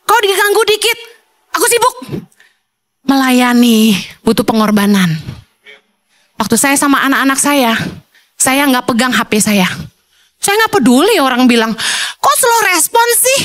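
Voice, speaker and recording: High-voiced, animated woman preaching. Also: normal speed. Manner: animated and playful, acting out everyday scenes; casual, colloquial preaching. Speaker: pastor. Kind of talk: sermon.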